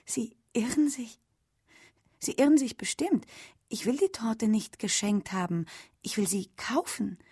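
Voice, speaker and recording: A woman's voice: fairly high pitch, expressive, a little slow, dark tone, slightly rough, dry recording, clean studio sound, pitched above the performer's own voice, exaggerated voice. Woman doing a frightened pleading girl. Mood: anxious pleading. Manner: pleading, stammering.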